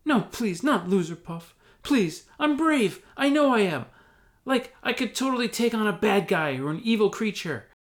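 A man's voice: fairly high pitch, big pitch swings, a little fast, voice pushed up. A man voicing a young hobbit who is anxious, indignant and flustered, protesting earnestly in a parody audio story. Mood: pleading. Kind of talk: scripted audio fan-fiction parody.

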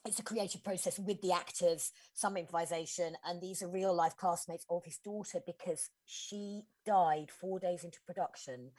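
A woman's voice: fairly low pitch, steady tone, normal speed, few pauses, darkish tone. A woman in her forties, co-hosting a casual podcast and explaining a film's plot in a chatty way, with frequent restarts. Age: 40s. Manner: chatty, restarts often, explains plots in detail. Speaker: film reviewer co-host. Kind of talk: casual podcast film review.

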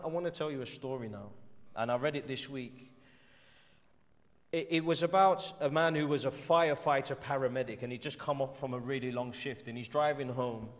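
A man with an English accent preaching a sermon earnestly, climbing to emphatic peaks and then dropping to a soft, low voice. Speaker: pastor. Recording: church hall reverb.

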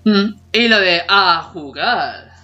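Animated yet slow-paced, with a mid-range, bright and forceful voice, a woman in her forties co-hosts a podcast about childhood TV songs. She chats casually, laughing frequently and humming old tunes, while faint music plays under the dull lo-fi recording.

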